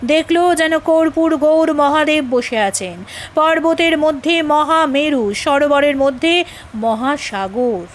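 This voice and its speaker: A woman giving an expressive literary reading of a devotional biography in a measured voice. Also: high-pitched, rough recording. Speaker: reader.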